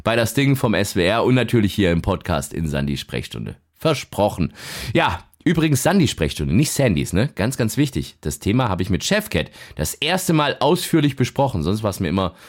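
Lebhafter Podcast-Moderator, lockere Art. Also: male voice, fairly low pitch, moderate pace. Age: 30s. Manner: lively, joking, chatty. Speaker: podcast and radio host. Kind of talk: casual podcast narration and chat.

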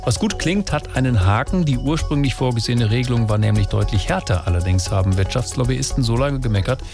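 A man presenting a crisp, punchy scripted news introduction on radio. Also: mid-range voice, expressive, quick pace, music in the background.

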